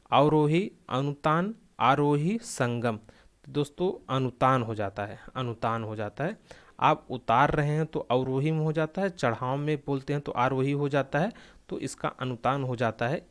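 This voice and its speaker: A man tutoring in a practice-question lesson, who asks rhetorical questions, repeats the answers and often stops and restarts words. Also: medium pitch. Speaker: exam tutor.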